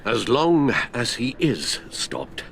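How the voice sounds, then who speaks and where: An older actor with a British accent playing a loyal, grave elderly butler in a video game drama. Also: male voice, medium pitch, wildly swooping pitch, takes it slowly, vocal fry, slight background noise, heavily acted. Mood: sorrowful. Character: loyal elderly male butler, sorrowful and indignant.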